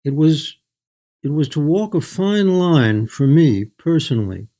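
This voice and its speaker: An older man, a guest author, takes part in a reflective literary interview, speaking thoughtfully, articulately and at a measured pace. His voice is fairly high and warm, with wide swings in pitch.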